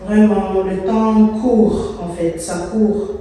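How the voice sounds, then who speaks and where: Working in an empty, freshly plastered room, this mellow Cameroonian woman, a native English speaker, thinks aloud for her vlog at a slow pace, her medium-pitched voice fairly even. She drops in English words as she goes, and the distant mic catches heavy echo and faint noise.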